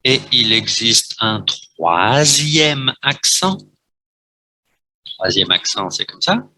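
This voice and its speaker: A man with a Vietnamese accent teaching a French lesson, speaking slowly and repeating letters and words as he explains. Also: mid-range voice, very animated, sharp tone, poor audio. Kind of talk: language lesson, explaining at a board.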